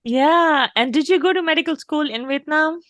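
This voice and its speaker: A woman's voice: sits high, normal speed, a bit bright, dry recording, clean studio sound. A woman hosting a podcast as a career coach, asking questions in an upbeat, encouraging way. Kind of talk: conversational interview.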